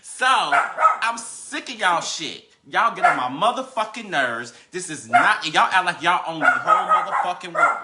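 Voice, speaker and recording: A man's voice: high voice, lively intonation, moderate pace, heavy background noise. A man in his thirties hosting a live podcast, ranting heatedly with lots of profanity and laughter. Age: 30s. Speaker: podcast host.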